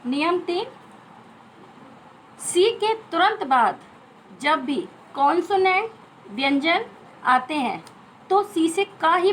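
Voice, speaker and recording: A woman's voice: very high voice, fairly bright tone, slight background noise, low-quality recording. An Indian woman teacher giving a phonics lesson to children, spelling out letters and repeating each sound.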